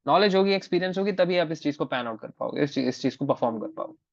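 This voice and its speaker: A man with a fairly high voice leads a live trading class over an online call. He explains step by step and repeats his key phrases for emphasis. The audio is dry and slightly muffled. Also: lively intonation, quick pace, creaky, dry recording. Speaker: trading mentor.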